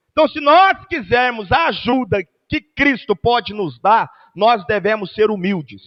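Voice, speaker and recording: A man with a Brazilian Portuguese accent preaching a fervent sermon at a church service, moving between loud exhortation and hushed storytelling. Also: high-pitched, big-room sound, highs cut off. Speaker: pastor.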